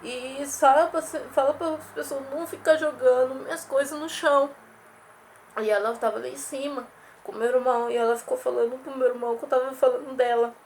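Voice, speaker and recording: A woman's voice: high voice, fairly even intonation, a little fast, darkish tone, a little hiss or hum. A woman telling what happened in her family in casual spoken testimony, rambling and repeating herself as she goes. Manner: rambling, repetitive retelling with restarts. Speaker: witness recounting a family assault.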